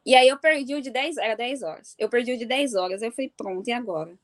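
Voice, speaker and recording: A woman from do Sul, casually telling a personal story in an animated way and laughing often. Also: high-pitched, fast talker. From Mato Grosso do Sul, Brazil. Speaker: football fan.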